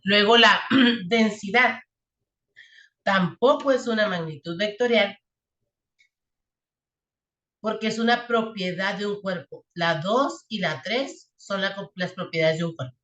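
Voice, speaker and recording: A woman's voice: medium pitch, slow, pauses often, a bit bright, muffled recording. A woman teacher, walking a class through equations and physics step by step and checking in often with short questions. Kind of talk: classroom math and physics lesson. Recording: echoey room.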